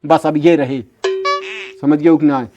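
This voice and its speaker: A man's voice: fairly high pitch, little pitch movement, slow, warm tone, highs cut off, soft background music. A man playing an exasperated village family man in a comedy sketch, scolding emphatically with an Awadhi accent.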